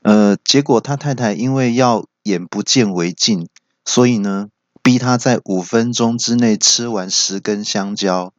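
A man's voice: fairly low pitch, no echo. A man hosting a comedy podcast, telling folk jokes. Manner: chatty, joke-telling, drawn-out pauses. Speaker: podcast host. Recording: dull lo-fi podcast recording.

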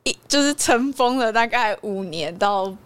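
A woman's voice: fairly high pitch, lively intonation, normal speed, clean tone. Giggly young woman, Taiwanese Mandarin accent. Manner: giggly, playful. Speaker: podcast co-host. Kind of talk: casual chat.

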